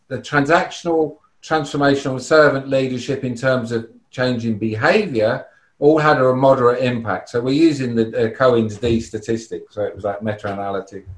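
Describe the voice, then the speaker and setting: A man's voice: medium pitch, roomy sound. A man on a panel explaining his research in a conversational way over a video call.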